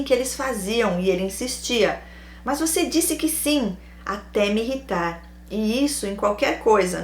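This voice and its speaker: A woman with a Brazilian accent, hosting and reading a listener's personal story aloud, acting out quoted lines and adding wry asides. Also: medium pitch. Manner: animated, acts out quoted lines, adds wry comments. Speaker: host reading a listener's letter. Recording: roomy echo.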